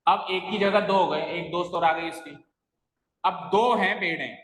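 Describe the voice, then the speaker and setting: Guy teaching grammar in class, fairly high bright voice, keeps quizzing the kids, roomy echo. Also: moderate pace. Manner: explains step by step, quizzing students with questions. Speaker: English teacher. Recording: echoey classroom with long reverb.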